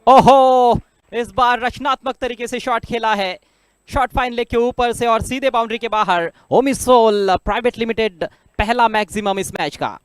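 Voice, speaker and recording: Excited, high-pitched male cricket commentator. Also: moderate pace, clean tone, dry recording. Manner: exclaims at big shots, voice rising sharply.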